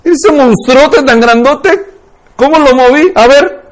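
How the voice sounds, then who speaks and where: A man's voice: very high-pitched, takes it slowly, voice pushed up. A man voicing a toddler boy who is delighted to discover he has power over his parents. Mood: gleeful.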